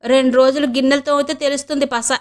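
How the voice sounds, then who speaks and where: A woman's voice: high voice, fairly even intonation, fast, a little mellow, lightly acted. A woman voicing a defiant, cheeky housemaid who answers back with mocking taunts in an audio novel. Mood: taunting.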